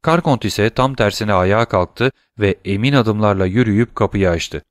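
A man reading a novel aloud in scripted audiobook narration, measured and suspenseful. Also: on the low side, no room sound, clean studio sound.

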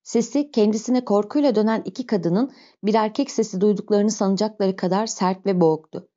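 A woman narrating a novel as an audiobook in slow, measured storytelling, on a dull lo-fi recording. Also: mid-range voice, mellow.

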